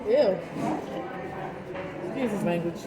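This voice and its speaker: A woman's voice: mid-range voice, expressive, takes it slowly, heavy background noise. A woman co-hosting a mukbang, talking casually and teasingly while she eats. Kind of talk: casual chat while eating. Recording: roomy echo, loud chatter behind.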